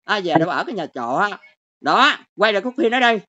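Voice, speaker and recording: An older woman with a Southern Vietnamese accent, hosting a livestream rant. She talks quickly and scolds her viewers with one exclamation after another. The audio is dull and lo-fi. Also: mid-range voice, big pitch swings, sharp tone.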